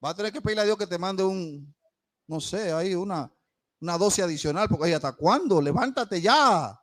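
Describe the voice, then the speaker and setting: A man preaching a sermon in a church, swinging between loud calls and hushed asides and acting out the voices he quotes. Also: sits high, expressive, a little fast. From Panama. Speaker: pastor.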